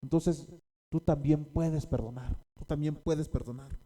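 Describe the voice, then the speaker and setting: A man's voice: a little high, fairly even intonation, unhurried, mellow, a little hiss or hum. A man preaching a sermon as a pastor, repeating key phrases and often checking in with his listeners.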